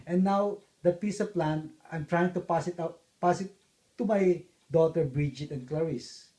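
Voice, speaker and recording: A middle-aged man from the Philippines, answering interview questions about his life in a halting way with many fillers. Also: a little high, warm tone. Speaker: interviewee, father.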